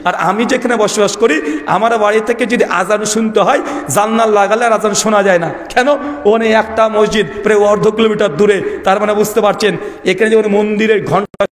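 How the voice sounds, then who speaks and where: A man's voice: high-pitched, fast. A man in his thirties with a West Bengal Bengali accent, telling a story as a preacher and throwing rhetorical questions at his audience. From Murshidabad, India. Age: 30s. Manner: animated, rhetorical questions to the crowd. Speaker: Islamic preacher. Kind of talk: storytelling sermon. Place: large gathering venue. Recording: echoey hall with long reverb.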